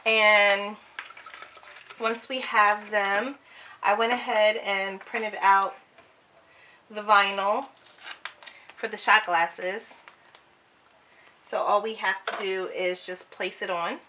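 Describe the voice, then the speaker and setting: Female craft narrator, thirties, casual instructional read, crisp bright tone, faint noise behind. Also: medium pitch, fairly even intonation, slow pace, long pauses. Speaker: craft tutorial host. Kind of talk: casual step-by-step tutorial narration.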